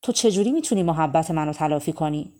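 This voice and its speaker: A woman voicing a kind young prince in a storybook, speaking gently and thoughtfully. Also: low-pitched, expressive.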